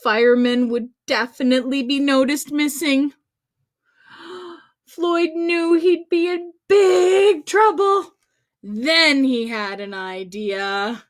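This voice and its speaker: Speaking slowly in a high voice, a woman reads a picture book aloud to children on a livestream. She is playful and exclaiming, using dramatic emphasis and speaking asides to her young viewers.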